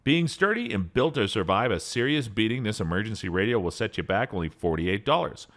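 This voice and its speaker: Reading from a script, a man with a fairly low voice reviews emergency radios a little quickly. He keeps a steady pace through the specs, rising in pitch on every product name.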